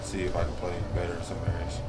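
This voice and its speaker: A young college basketball player giving short, low-key postgame answers to reporters. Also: male voice, completely flat delivery, fast talker. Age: young adult. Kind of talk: postgame press interview. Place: small room before a sponsor backdrop. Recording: loud background noise.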